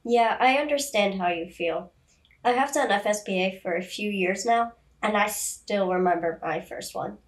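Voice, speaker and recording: A woman's voice: medium pitch, moderate pace. A teenage girl hosting a student podcast interview, upbeat and reading from a script. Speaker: podcast host.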